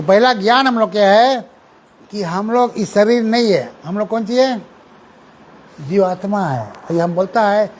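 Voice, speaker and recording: A man delivers a scripture sermon in with a high, light voice. He explains patiently and breaks into recited Sanskrit verses. A faint background hiss runs under his words. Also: poor audio. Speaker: preacher lecturing on scripture.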